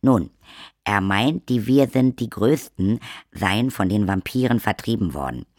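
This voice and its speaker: A man voicing an older village witch woman, shameless, blunt and bossy in a brisk matter-of-fact way. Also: fairly low pitch, animated, a little mellow, no echo, clean studio sound.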